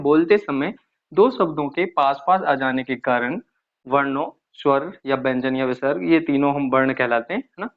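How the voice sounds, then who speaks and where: A man teaches grammar in a slightly raised voice, asking questions and then answering them himself. He repeats each example over and over. The audio is dull and lo-fi. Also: a little high. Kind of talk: explaining at a whiteboard.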